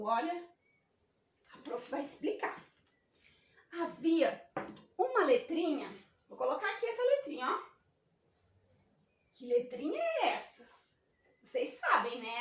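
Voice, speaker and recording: Woman teacher, sing-song children's lesson, very high voice, roomy echo, distant mic. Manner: animated, sing-song, talking to young children. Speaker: primary school teacher. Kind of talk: children's reading lesson with storytelling. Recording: echoey room, distant mic.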